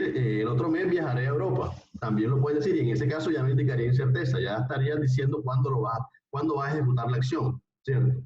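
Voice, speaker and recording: A patient man teaching a live online class, mellow in tone and slowly repeating each phrase. He keeps checking that his students follow. The voice sits back from the mic in a roomy space. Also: fairly high pitch, a little hiss or hum. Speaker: language teacher. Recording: roomy, distant, dull online-call recording.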